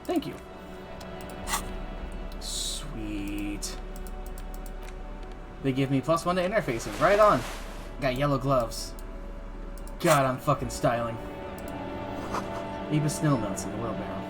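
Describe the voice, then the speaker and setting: A man's voice: medium pitch, expressive, takes it slowly, long pauses. A man streaming a video game live, chatting in a loose, playful way and swearing often while he drinks. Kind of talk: casual live gameplay commentary. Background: game music.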